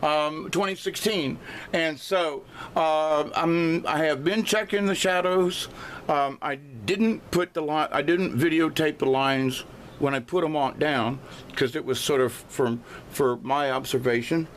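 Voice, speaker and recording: A slightly high-voiced man, an amateur video blogger, chats to his camera indoors at home near a window. He hesitates, stops and starts, and keeps repeating himself, with his words a little slurred by a swollen mouth. Everything comes through a handheld camera mic, so the recording is noisy.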